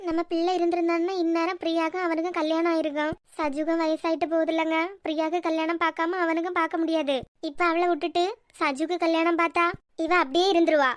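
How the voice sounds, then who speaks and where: A woman's voice: very high-pitched, level tone, quick pace, no echo, clean studio sound. A woman with a Kanyakumari Tamil accent voicing a grieving, anxious middle-aged mother in a cartoon web series, lamenting tearfully. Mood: worried.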